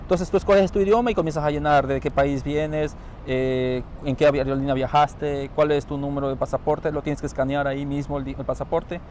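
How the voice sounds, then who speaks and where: A newly arrived asylum seeker with an Ecuadorian accent answers interview questions casually on a city street, with faint traffic behind him. His fairly high voice is calm and explanatory, fairly quick with few pauses, and often trails off softly.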